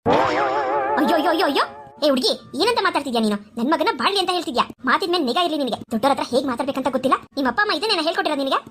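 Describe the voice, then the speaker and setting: A woman voicing a haughty, indignant middle-aged mother of the groom in a cartoon, scolding in a quick, sharp voice. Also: high voice, animated, soft background music. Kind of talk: cartoon voice acting.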